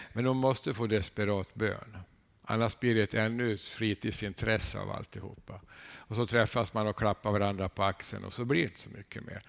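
A man preaching a sermon, animated, asking his listeners rhetorical questions and adding a questioning "eh?" to his lines. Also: fairly low pitch, vocal fry. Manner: animated storytelling with sudden rises in volume.

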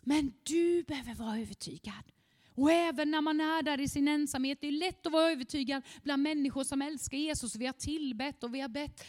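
High-voiced fervent woman preaching. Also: big-room sound. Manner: fervent, rising to near shouting at times. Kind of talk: sermon.

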